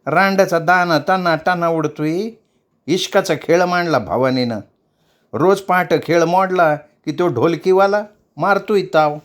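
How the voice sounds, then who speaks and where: A man's voice: on the high side, moderate pace, voice pushed up, close to an everyday voice. A man voicing an older mother who runs a tamasha troupe, scolding bluntly in rural dialect.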